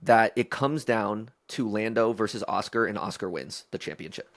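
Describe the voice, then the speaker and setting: A man's voice: fairly low pitch, moderate pace, fairly bright tone, dry recording. A man co-hosting a podcast in casual chat, playful and speculative, stretching words for emphasis. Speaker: podcast co-host.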